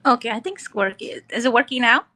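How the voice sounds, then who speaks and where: A woman from Ethiopia chats casually in English as a caller on a live stream, joining over a noisy video call full of clicks. English is at best her fourth language. Her voice is a little high and bright, with lively intonation, a quick pace and a forceful tone.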